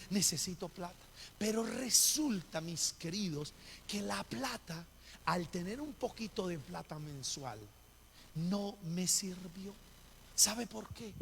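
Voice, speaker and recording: Male pastor, animated sermon storyteller, high gravelly voice, long church reverb. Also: slight background noise. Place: church hall.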